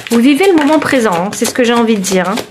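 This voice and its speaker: A woman giving a chatty, expressive tarot reading, talking straight to her listeners and exclaiming over the cards. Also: on the high side, background noise. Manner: addresses listeners directly. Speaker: tarot card reader. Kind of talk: informal tarot reading to camera.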